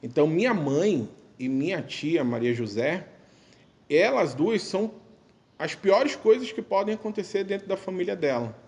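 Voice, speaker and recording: A man recounting a family story as a spoken testimony in a temple, conversational, pausing and restarting as he quotes his relatives. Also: high voice, lively intonation, darkish tone.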